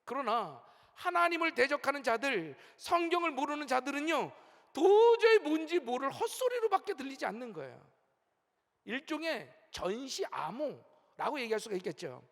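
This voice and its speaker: A man's voice: very high voice, big pitch swings, moderate pace, fairly bright tone. A middle-aged male pastor preaching a sermon with strong emphasis, rising and falling as he leads the congregation in call-and-response. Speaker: senior pastor. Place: large church sanctuary. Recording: long hall reverb from a church sanctuary.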